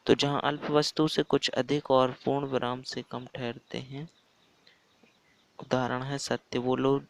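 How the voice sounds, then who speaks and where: Flat-voiced man teaching a grammar lesson. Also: medium pitch, gravelly, no echo, poor audio. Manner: plain step-by-step explaining, often starting lines with "so". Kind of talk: explaining a school grammar lesson.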